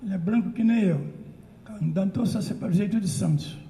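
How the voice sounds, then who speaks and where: An older Brazilian woman telling an animated, emotional story of remembered traditions at a community talk circle. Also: medium pitch, fairly quick. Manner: animated, emotional, breaks into chanted calls. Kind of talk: storytelling recollection. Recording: roomy echo.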